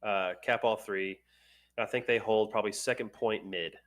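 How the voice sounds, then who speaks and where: Laid-back low-voiced co-caster man. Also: moderate pace. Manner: laid-back, relaxed slang. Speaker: esports co-caster. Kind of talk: casual match analysis.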